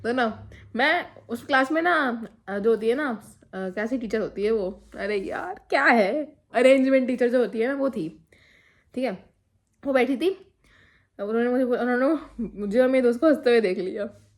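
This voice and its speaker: A woman's voice: on the high side, moderate pace. A teenage girl telling a rambling, giggly story about school friends in a casual vlog. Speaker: vlogger.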